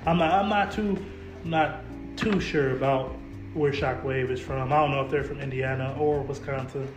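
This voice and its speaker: On his laid-back car podcast, a young host who photographs cars locally talks in relaxed slang, often laughing and repeating himself. He speaks at a moderate pace with medium pitch and fairly even intonation. There's music in the background and the room sounds spacious.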